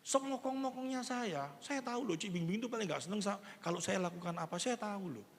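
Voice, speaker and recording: A man, preaching a sermon as a pastor in a lively, conversational way with everyday examples. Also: high voice, a little fast. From East Java, Indonesia. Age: 60s. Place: church hall. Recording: long reverb of a church hall.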